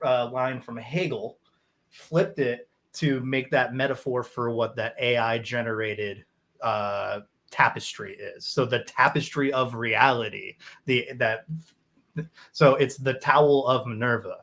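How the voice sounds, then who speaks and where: A man with a medium-pitched voice explains his ideas in relaxed conversation. He rambles, restarts his sentences and keeps checking in with his listeners. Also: measured pace, gravelly. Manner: rambling, restarts, asks "right?" often.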